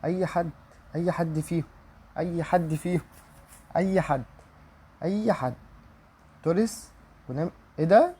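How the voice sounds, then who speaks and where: Young Egyptian gamer, slightly high-pitched, hopeful and pleading while opening packs. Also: male voice, moderate pace, pauses often, husky. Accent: Egyptian Arabic. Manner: pleading and excited, repeating wishes aloud. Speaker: gaming YouTuber. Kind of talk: pack-opening commentary.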